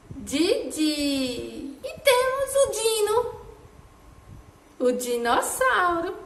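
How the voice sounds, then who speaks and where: A woman teacher giving a children's phonics lesson, sounding out each syllable slowly in a sing-song way. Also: very high-pitched, pushed and bright. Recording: echoey room with faint background noise.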